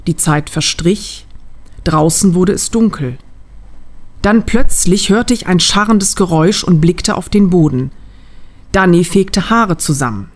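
A woman reading a humorous short story aloud in a lively, dramatic way. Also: fairly low pitch.

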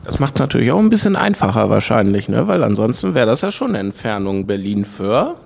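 A man's voice: on the low side, very animated, fairly quick, gravelly, a little mellow, husky. A man hosting a podcast who chats upbeat and asks his guests questions. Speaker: podcast host. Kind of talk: casual interview chat. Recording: roomy recording with faint noise.

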